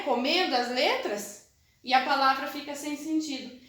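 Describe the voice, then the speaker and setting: A Brazilian primary school teacher with a high, slightly bright voice records a video lesson for young children in a very echoey room. Speaking with a Brazilian Portuguese accent, she explains patiently and slowly, drawing out syllables and often checking in with "tá?" and "né?".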